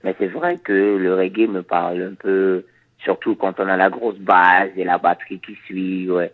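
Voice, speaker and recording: Through narrow, tinny audio, the Surinamese reggae musician, a Dutch native speaker, responds to an interviewer in a halting, reflective way full of repeated words. His voice is low with little pitch movement.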